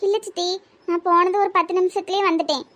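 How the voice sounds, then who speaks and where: Voice artist doing a weepy young village girl, tirunelveli accent, very high squeaky voice, cartoon. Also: fairly even intonation, fast talker. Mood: sad. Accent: Tirunelveli Tamil. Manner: pleading, tearful, soft. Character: heartbroken young village woman, tearful and pleading. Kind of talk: cartoon comedy voice acting.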